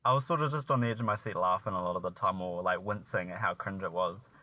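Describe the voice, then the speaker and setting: Bright-voiced joking man, low and blunt. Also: fast. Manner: blunt, joking, swears, mocks with playful outbursts. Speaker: podcast film critic. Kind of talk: casual film review chat. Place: inside his car.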